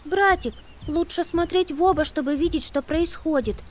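A very high, squeaky little girl mouse from a storybook audiobook. She sounds anxious and curious, her voice jumping up sharply when she worries. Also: moderate pace, a little hiss or hum. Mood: teasing. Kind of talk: audiobook character voice.

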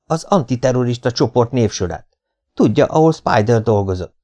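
A man's voice: mid-range voice, animated, darkish tone, voice pushed up, lightly acted. A man reading an audiobook, voicing an eager male officer who reads out a report. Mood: excited. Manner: eager, announcing.

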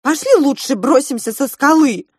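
A woman voices a pert, precocious young girl, pitching herself above her natural range. The delivery is fairly high with big pitch swings, normal speed and a slightly mellow quality, recorded as clean studio sound with no room noise.

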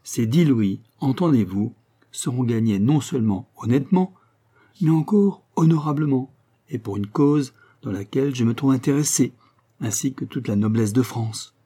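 A man doing a pompous broke gambler, puffed-up, dark husky voice, audiobook. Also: mid-range voice, animated, moderate pace. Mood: boastful. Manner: pompous, sententious.

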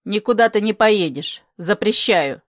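Give me a woman playing a bitter old grandfather in an audiobook, low and rough, grumbling then shouting. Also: animated, a little slow, no echo, clean studio sound, lightly acted. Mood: gruff.

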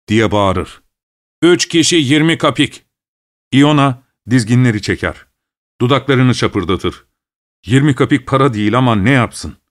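Guy reading a short story out loud, steady and measured, middle pitch. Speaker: narrator.

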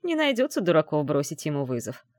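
A woman's voice: sits low, very animated, fast, a little mellow, no echo, clean studio sound. A woman voicing an offhand male mage who explains things in a matter-of-fact way.

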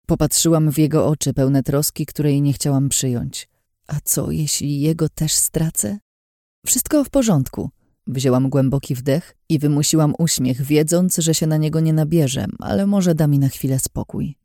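A woman narrating a first-person fantasy audiobook in a measured, calm reading, on a close studio mic. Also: low voice, no room sound.

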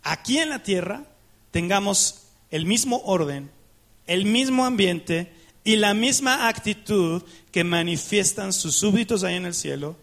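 Male pastor, high-pitched, emphatic, questions the congregation. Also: expressive, unhurried, a bit bright. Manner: acts out dialogues with God in prayer. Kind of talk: sermon.

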